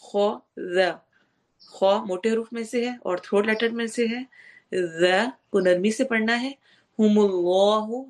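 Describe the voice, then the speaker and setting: A woman leads a tajweed lesson, pitched in an ordinary middle range. She draws out each verse slowly and carefully. Between recitations she breaks down pronunciation rules one step at a time. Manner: slow, drawn-out recitation between explanations. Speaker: Quran recitation teacher.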